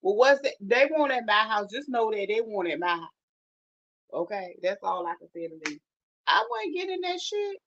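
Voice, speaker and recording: A woman telling a story in casual, animated chat, emphatic and swearing freely. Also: mid-range voice, normal speed, a little hiss or hum. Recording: dull lo-fi sound.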